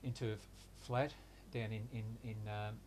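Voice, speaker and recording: Hungarian is the first language of this man in his sixties, who was born in Hungary and brought up in Australia. In a reflective interview about his life, he speaks in a lowish, flat, even voice, halting and hesitant, with many pauses and restarts. Slight background noise can be heard.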